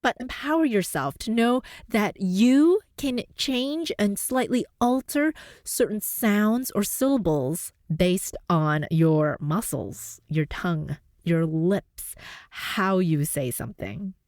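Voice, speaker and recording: The sound is clean studio audio with no echo as a Canadian woman, a podcast host and voice coach, takes her scripted monologue slowly. Her slightly dark voice has lively intonation and a neutral North American accent, upbeat and encouraging with big pitch jumps for emphasis.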